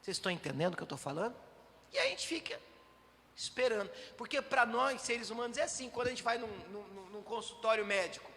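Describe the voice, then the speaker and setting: A man's voice: high-pitched, fast talker, hardly any pauses, a bit bright, big-room sound, a little hiss or hum. A man preaching a sermon as pastor, emphatic and addressing the congregation directly.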